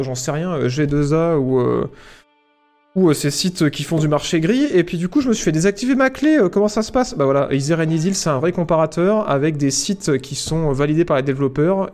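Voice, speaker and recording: Male streamer, slightly high voice, chatty and playful with viewers, soft music bed behind. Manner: chatty and playful, tosses in sound effects like "paf" and "bam". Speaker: livestreamer answering chat. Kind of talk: casual livestream chat.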